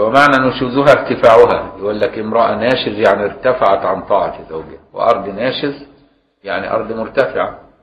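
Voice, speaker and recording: Deep-voiced Egyptian scholar lecturing. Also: male voice. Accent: Egyptian Arabic. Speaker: religious scholar teaching a book. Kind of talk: classroom lecture on Islamic law. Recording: roomy, dull lo-fi lecture recording.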